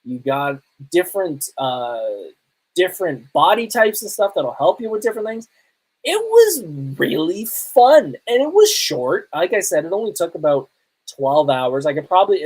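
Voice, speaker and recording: On a low-quality recording, a man in his thirties talks through his casual solo podcast about pop culture and games. He's conversational, enthusiastic and emphatic, with a sing-song voice on the high side and a moderate pace.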